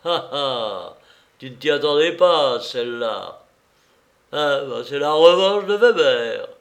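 A man voicing a rough police officer who gloats and threatens, in an audiobook reading. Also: medium pitch, expressive, slow. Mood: gloating, menacing. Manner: gruff and mocking.

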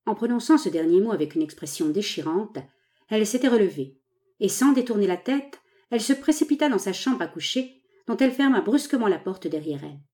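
A woman narrating a novel aloud with a measured, dramatic reading. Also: medium pitch, lively intonation, warm tone. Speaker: audiobook narrator.

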